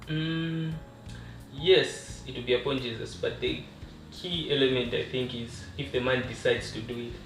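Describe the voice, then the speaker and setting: A man from Zambia, a guest calmly explaining his beliefs in a casual discussion. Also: mid-range voice, normal speed. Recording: echoey room, distant voice, faint music.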